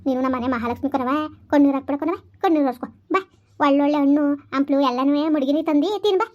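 A woman's voice: high-pitched, quick pace, highs cut off, natural voice. A woman voicing a dramatic village mother-in-law who wails, scolds her son and fusses over her daughter-in-law. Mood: soothing. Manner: lamenting, scolding. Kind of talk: village comedy skit.

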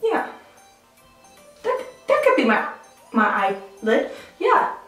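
A young beauty vlogger chats casually through her makeup routine, playful and poking fun at herself, often laughing at her own expense. Her slightly high, somewhat bright voice swings hugely in pitch and moves slowly. A camera mic held at arm's length records her from a distance in a small, echoey tiled bathroom, with light music in the background.

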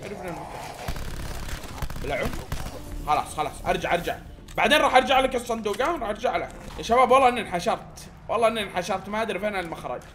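A young man with a Hijazi Saudi accent, giving excitable play-by-play commentary to his viewers and breaking into shouts. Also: high voice, racing, slight background noise. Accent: Saudi Hijazi Arabic. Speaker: gaming YouTuber. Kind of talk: live gameplay commentary.

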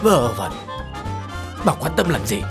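An actor playing a grumpy older village husband who brushes things off curtly. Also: male voice, mid-range voice, big pitch swings, slow, creaky, heavily acted. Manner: dismissive and curt. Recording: film audio with music.

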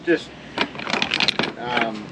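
A man's voice: mid-range voice, extremely slow, heavy background noise. A middle-aged Australian man plainly explaining a boat repair as he works, bent over a floor hatch in a small boat cabin. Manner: plain, practical explaining while working. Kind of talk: hands-on work demonstration.

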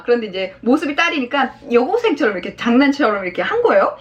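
A woman in her thirties teaching Japanese, explaining a drama scene and acting out its lines in playful voices. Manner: lively, acts out lines in high playful voices. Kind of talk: explaining a drama clip to learners.

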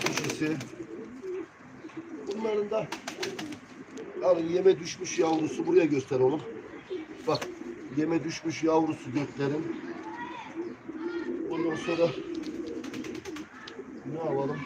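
With long pauses and a slow delivery, a fairly high-pitched man hosts a live bird auction stream, speaking casually and familiarly to viewers. He greets them and shows off the birds. The sound is muffled and noisy, with pigeons cooing throughout.

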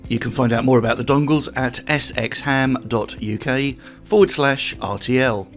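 A man's voice: mid-range voice, normal speed, faint music behind. A man giving a friendly, step-by-step tutorial on amateur radio. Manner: plain, friendly step-by-step explaining, speaking test counts on air. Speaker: amateur radio course instructor. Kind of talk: explanatory tutorial narration.

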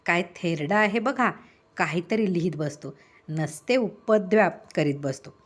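A man's voice: high voice, unhurried. Bold rude taunter , as a woman reads him. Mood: taunting. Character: bold, rude young male provoker.

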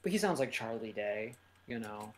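A man co-hosting a casual chat, giving measured opinions and thinking aloud. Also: on the low side, animated, slight background noise. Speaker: podcast co-host. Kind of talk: casual chat reacting to a trailer.

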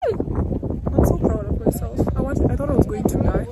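A young woman with a Kenyan accent and a fairly high voice talks into a phone held at arm's length, mixing English and Swahili. She sounds chatty and casual, recorded outdoors on a mountain trail with wind rumbling across the mic. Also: very animated, normal speed. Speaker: vlogger. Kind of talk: casual hiking vlog. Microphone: phone camera held at arm's length.

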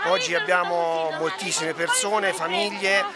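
A middle-aged man with a high voice speaks hesitantly and pauses on fillers. A loud crowd fills the background around him. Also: steady tone. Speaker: interviewee. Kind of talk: outdoor interview. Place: busy ski slope outdoors.

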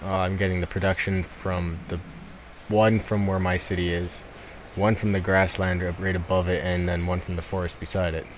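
A man's voice: low voice, level tone, normal speed. A young man chatting during an online multiplayer strategy game, thinking aloud in a hesitant way with many fillers. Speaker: multiplayer gamer. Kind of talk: casual game chat. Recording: voice chat with clear background noise.

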